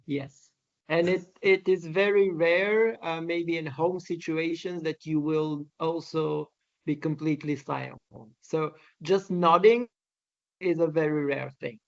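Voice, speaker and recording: A man's voice: fairly high pitch, steady tone, unhurried, vocal fry. A man from Bulgaria explaining casually as a participant in an online webinar. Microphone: video call. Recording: dull lo-fi online call audio.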